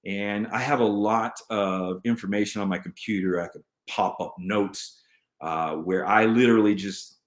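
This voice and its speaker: A man with a lowish voice chats loosely on a live stream, drifting from point to point and restarting his sentences. His computer mic picks up a roomy echo. He answers viewer comments as they come in. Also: fairly even intonation, normal speed. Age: adult. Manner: rambling, jumps between topics with many restarts. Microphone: computer mic at a desk.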